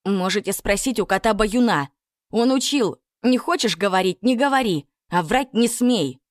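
A woman's voice: medium pitch, expressive, normal speed, dry recording, studio quality, voice pushed up, natural voice. A woman voicing a hot-tempered peasant lad who blusters indignantly.

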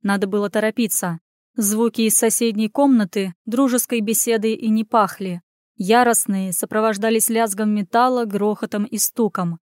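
A woman narrating a fantasy audiobook with brisk, lively storytelling. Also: medium pitch, dry recording, studio quality.

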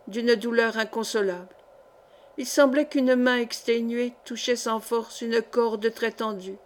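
A woman reading a literary short story aloud in a measured, steady narration. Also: fairly high pitch. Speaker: audiobook reader.

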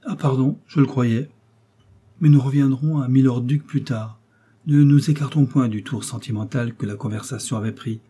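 A cold, sardonic English nobleman, read by a man in a mellow, husky voice. He needles and threatens with unhurried, icy courtesy. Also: mid-range voice, steady tone, lightly acted. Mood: mocking. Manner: sardonic, coolly menacing. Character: cold, mocking English lord, middle-aged.

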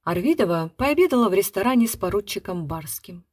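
A woman narrating a literary short story in an expressive storytelling manner. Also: mid-range voice, brisk, breathy edge. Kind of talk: literary reading.

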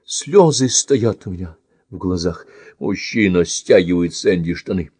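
Male narrator, husky low voice, lively intonation, dry close sound, tense first-person audiobook read. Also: unhurried, no echo. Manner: tense, emotive storytelling.

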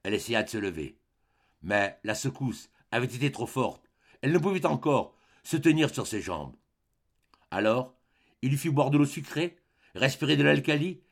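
A man narrating a classic novel as an audiobook, reading expressively. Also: mid-range voice. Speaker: audiobook reader.

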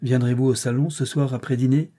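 Male narrator doing wealthy teasing gentleman, audiobook, mellow raspy tone. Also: mid-range voice, steady tone, brisk, close to an everyday voice. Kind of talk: audiobook reading.

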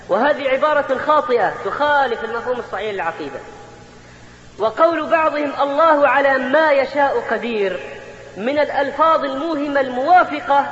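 A man preaching a Friday sermon in a very high voice, moving along at a brisk clip and stretching out key words to stress them. His voice rings through a large mosque hall with a long echo, and the recording sounds muffled and lo-fi. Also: fairly bright tone. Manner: addresses the congregation directly, drawing out words for emphasis.

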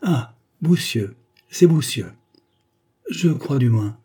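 A man's voice: mid-range voice, unhurried, dark tone, husky. A man voicing a flustered, greedy bourgeois husband who stammers and then blusters in annoyance. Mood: hesitant.

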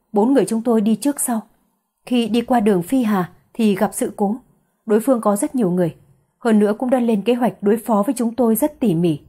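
A woman's voice: medium pitch, warm tone, breathy edge, natural voice. A woman reading a dutiful male bodyguard. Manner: dutiful, matter-of-fact report. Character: male bodyguard reporting to his boss.

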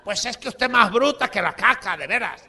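Un hombre que interpreta a un español de mediana edad, grosero y exaltado, con acento de España, que grita y maldice sin parar. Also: male voice, high-pitched, lively intonation, brisk, creaky, slightly rough, pitched above the performer's own voice, heavily acted. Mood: furious. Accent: Spanish from Spain, put on. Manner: swearing, loud and exasperated. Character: crude hot-headed Spanish man, middle-aged.

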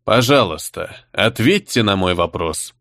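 A man's voice: sits low, lively intonation, a little slow, gravelly, a bit bright, no room sound, clean studio sound, pitched below the performer's own voice, full character voice. A man reading the part of a male commissar who asks questions formally during an interrogation. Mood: formal questioning.

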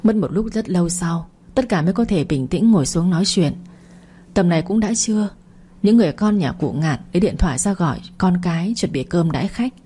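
Husky low-voiced woman storyteller. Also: expressive, a little fast, warm tone. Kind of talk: scripted audiobook narration.

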